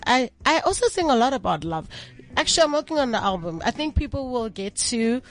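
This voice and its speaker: A woman's voice: a little high, big pitch swings, brisk. A young woman, a musician guest chatting playfully in an interview and laughing easily. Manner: playful, laughs often, drops local slang. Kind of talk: casual interview chat.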